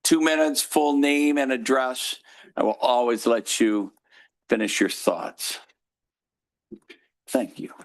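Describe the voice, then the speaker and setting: A man's voice: mid-range voice, takes it slowly, long pauses. A man chairing a city council meeting in council chambers, informal and lightly joking as he calls for public comment.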